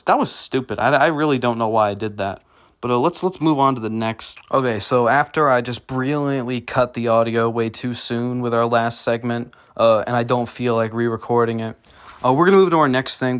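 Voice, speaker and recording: A man's voice: medium pitch, a bit bright. A young man with a nasal voice, casually telling self-mocking stories from his childhood, with plenty of restarts and fillers. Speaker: vlogger. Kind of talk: casual storytelling rant.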